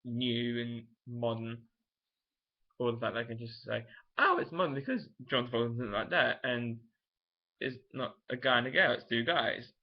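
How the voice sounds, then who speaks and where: In a dull, lo-fi home recording, a young vlogger rambles to camera in a casual chat, thinking out loud and frequently starting over. His voice is mid-range and his speed normal.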